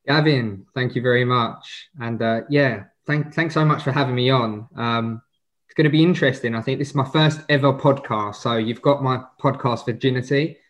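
This is a man in his twenties from Essex, England, speaking with an Essex accent as a guest on a podcast; he works as a wealth manager. His voice is medium in pitch and his speed normal. His interview answers are casual and informal, with frequent hesitations and rephrasing.

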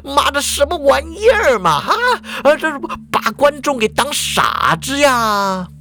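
A man voicing an excitable old male school principal who scolds and exclaims in drawn-out phrases. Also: very high voice, soft background music, pitched above the performer's own voice, full character voice. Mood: ranting.

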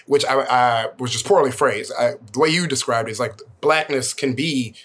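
A man on a panel who talks haltingly, restarting often as he works out his question. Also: medium pitch, a bit bright. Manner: halting, many restarts and fillers while forming a question. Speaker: panel guest. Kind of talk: panel discussion.

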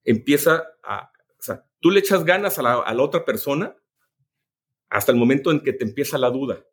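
A man with a Mexican Spanish accent talks like an executive telling stories in an interview. He circles back, restarts sentences and adds asides as he goes, in a relaxed conversational way. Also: medium pitch, brisk, slightly rough. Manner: anecdotal, many restarts and asides. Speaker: business executive guest. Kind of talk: casual storytelling interview.

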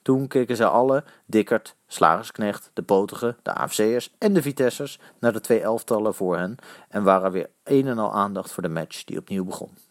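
A man reading a children's story aloud in a lively, expressive way. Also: fairly low pitch, normal speed, no echo, clean studio sound. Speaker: narrator.

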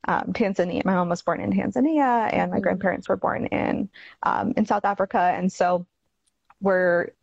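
Husky woman host, dull dry sound. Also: medium pitch, normal speed, a little mellow, no room sound. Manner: chatty, frequent "like" and laughs. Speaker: podcast host. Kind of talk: casual interview.

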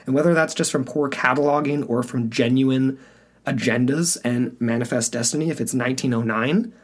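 A man's voice: medium pitch, moderate pace. A man co-hosting a podcast, rambling through the topic and teasing his co-host in casual chat.

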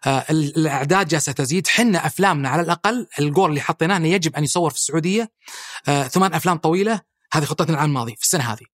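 A man's voice: fairly high pitch, very fast, a bit bright, no echo, clean studio sound. A middle-aged man with a Saudi accent, explaining as a guest in a podcast interview, fluent and listing points with frequent hesitation sounds. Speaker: guest, head of a national film body.

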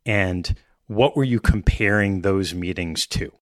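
A man's voice: low-pitched, unhurried, dry recording, clean studio sound. A man hosting an investment podcast, asking brief, direct questions. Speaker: podcast host. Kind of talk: interview questions.

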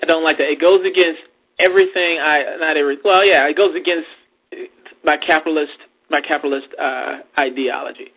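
A man's voice: on the high side, fairly even intonation, fairly quick, gravelly, slightly rough. A man hosting a podcast in casual, conversational debate. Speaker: podcast host. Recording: thin phone-like radio sound.

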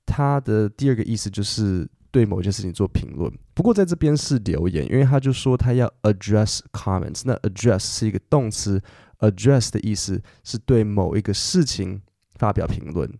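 A man's voice: on the low side, expressive, moderate pace, gravelly, dark tone, no room sound, studio quality. A middle-aged man, hosting a podcast English lesson and explaining patiently with fillers and self-corrections. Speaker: English teacher and podcast host.

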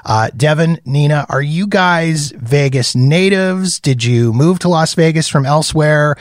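A man's voice: fairly high pitch, a little slow, no echo, studio quality. A man hosting a podcast interview over a video call, asking rambling questions with many restarts. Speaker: podcast host.

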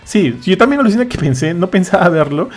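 A man hosts a casual chat. He talks in an animated, slangy way and acts out what others say. Faint music plays behind him. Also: high voice, brisk.

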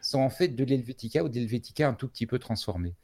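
A man's voice: mid-range voice, expressive, quick pace, darkish tone. A man co-hosting a casual tech podcast, explaining things at length with frequent fillers and restarts. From Switzerland. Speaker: podcast co-host.

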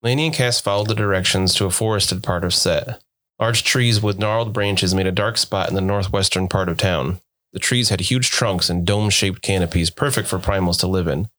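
A man narrating a fantasy audiobook in a steady storytelling voice. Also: deep voice, normal speed.

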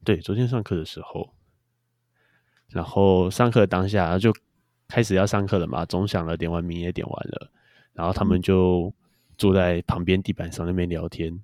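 A man's voice: low voice, fairly even intonation, moderate pace, a little mellow, dry recording, studio quality. A young man, chatting casually as a podcast co-host and telling stories. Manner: chatty storyteller. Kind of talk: casual chat.

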